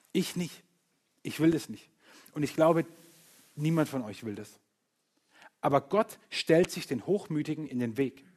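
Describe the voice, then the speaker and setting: Slightly high and husky, this pastor's voice animates a playful sermon. He jokes with the congregation and acts out the voices of others.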